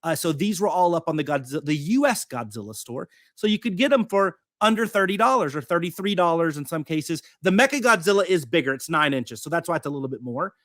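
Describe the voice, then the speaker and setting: A man co-hosting a casual podcast, rambling with many fillers and restarts. His voice sits a touch high, and the sound is close and dry. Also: animated, a little fast, few pauses, fairly bright tone, no room sound. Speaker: podcast co-host. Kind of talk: casual chat.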